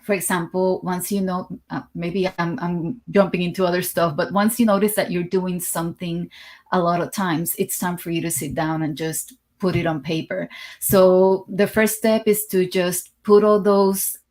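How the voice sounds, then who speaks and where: A woman from Puerto Rico, a guest in an interview, explaining calmly and clearly. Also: lowish voice, moderate pace.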